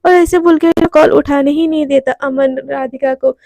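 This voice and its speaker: A woman's voice: high voice, fairly even intonation, normal speed, warm tone, no room sound. A young woman casually narrating a romance story, chatty and addressing listeners.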